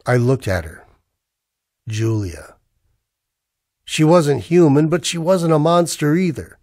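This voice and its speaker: In a 1940s radio drama, a male actor narrates in first person as a tense, defiant man caught in a noir sci-fi ordeal, hard-boiled, urgent, grim and reflective. His full character voice is a little high and a little mellow, animated yet slow.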